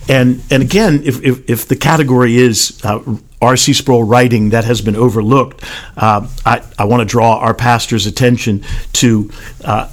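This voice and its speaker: An older man in casual conversation, speaking earnestly and haltingly with many restarts. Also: mid-range voice, steady tone. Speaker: podcast guest pastor.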